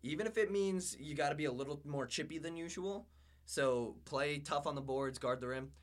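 A man's voice: fairly high pitch, moderate pace. Chatty man talking college basketball. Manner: rambling, thinks out loud, laughs often. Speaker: podcast co-host. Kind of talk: casual sports podcast chat.

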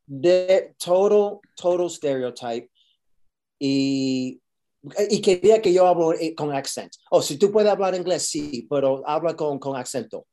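A man who grew up speaking tells his story in halting Spanish and keeps restarting his sentences. His voice is mellow and relaxed. He often slips into phrases in a casual, unpolished way. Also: fairly high pitch. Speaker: actor, interview guest. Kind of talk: casual interview. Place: Los Angeles.

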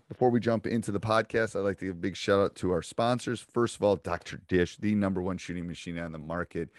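A warm, welcoming American man hosting a podcast in a casual, chatty style. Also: on the low side, no room sound. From Wisconsin, United States. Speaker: podcast host. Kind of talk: casual podcast intro and chat.

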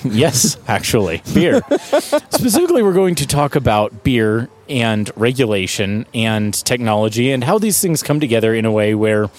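A man co-hosting a casual podcast chat, animated and quick to laugh, recorded live in a brewery. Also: medium pitch. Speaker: podcast co-host. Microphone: single shared microphone.

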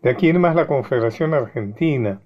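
A man's voice: mid-range voice, animated, fairly quick, pitched above the performer's own voice, natural voice. Man doing a formal, mock-courteous old governor. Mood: stately. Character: Rosas, scheming older male governor, mock-courteous. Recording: dull lo-fi recording.

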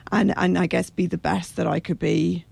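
A woman with a croaky, hoarse frog voice, speaking haltingly as she searches for words in a radio interview. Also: on the low side, steady tone, a little mellow. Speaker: radio show guest. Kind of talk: personal interview conversation.

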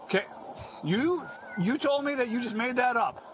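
A man's voice: very high voice, lively intonation, normal speed. A male police officer making an arrest, giving firm, matter-of-fact orders. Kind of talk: bodycam arrest exchange. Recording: noisy police bodycam audio.

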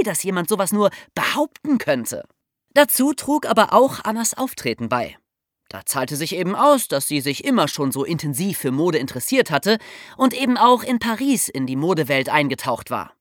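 A podcast host with a German accent tells a true-crime story, her pitch swinging widely, keeping things casual with wry asides and quick laughs. The audio is dry and close-miked, with no room sound.

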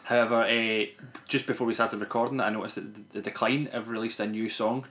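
A man's voice: on the low side, a little fast. A man with a broad Scottish accent chatting casually as a podcast co-host, sweary and jokey as he tells stories. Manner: sweary, jokey, animated storytelling. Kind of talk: casual chat about films.

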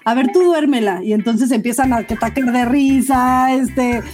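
A woman with a Mexican accent talks in a loose, chatty way, with her voice sitting a little high. She strings her thoughts together with frequent fillers. Faint music plays underneath. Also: normal speed, a little mellow. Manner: chatty, full of "o sea" and "este" fillers. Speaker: podcast co-host, mother. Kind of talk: casual chat.

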